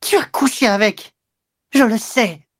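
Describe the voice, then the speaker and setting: A man voicing a shrill enraged mistress. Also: normal speed, darkish tone, slightly rough, dry recording, studio quality. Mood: furious. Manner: accusing, bitter, rising to screams. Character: furious jilted woman, mistress, shrill in rage. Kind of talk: audiobook reading.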